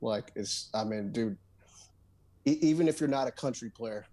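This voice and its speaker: A man's voice: mid-range voice, normal speed, mellow. A man guesting on a podcast, talking in a loose, rambling way with lots of fillers, restarts and "dude". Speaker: guest guitarist and songwriter. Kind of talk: casual podcast conversation.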